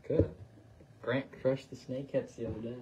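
A man talks through tying a fly on a livestream, loose and unhurried, with plenty of fillers as he works. His voice is mellow and fairly flat in pitch. A faint hiss sits under the audio. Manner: relaxed, talks while working, fillers and trailing phrases. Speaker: fly tier demonstrating on a livestream. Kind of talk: casual instructional chat.

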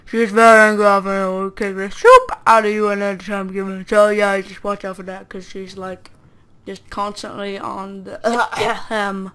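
A woman's voice: mid-range voice, moderate pace, fairly bright tone, clear, resonant tone. A young woman playing a video game with a friend, reading the characters' lines aloud in a silly, slurred voice. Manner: silly put-on drunk voice while reading characters. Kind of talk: casual let's play chat.

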